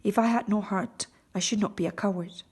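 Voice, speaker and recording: Woman voicing a big cowardly storybook lion, husky. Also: mid-range voice, fairly even intonation, brisk, darkish tone, natural voice. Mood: sad, self-pitying. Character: big cowardly male lion, sad and ashamed. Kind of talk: storybook character voice.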